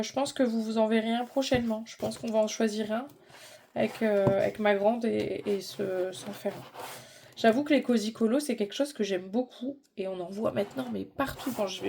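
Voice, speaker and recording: A woman's voice: medium pitch, darkish tone, slight background noise. A middle-aged woman chatting casually in a hobby vlog, informal and rambling as she thinks aloud. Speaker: vlogger.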